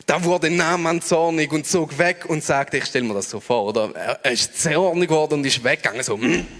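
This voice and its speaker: A man with a Swiss German accent who preaches by retelling a story in a chatty, animated way. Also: fairly high pitch, fairly quick, in a large hall. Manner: animated, chatty, laughs at his own story. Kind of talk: storytelling sermon.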